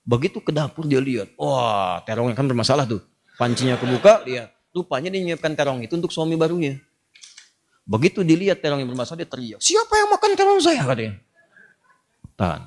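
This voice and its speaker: A man's voice: medium pitch, quick pace. A male Islamic preacher telling a story in a sermon, acting out scenes and quizzing his audience with questions. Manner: animated, dramatizing, quizzing the audience.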